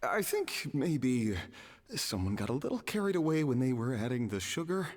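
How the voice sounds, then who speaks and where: A man voicing a wide-eyed, expressive amateur food taster in a video game, with a husky voice. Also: mid-range voice, moderate pace. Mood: hesitant. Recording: reverberant game audio with music behind.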